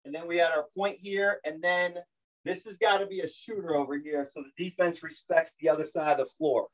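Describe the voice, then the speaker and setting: New York basketball coach talking plays. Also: male voice, a little high, fairly quick, poor audio. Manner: animated, repeats words, self-deprecating jokes. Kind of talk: coaching clinic explanation.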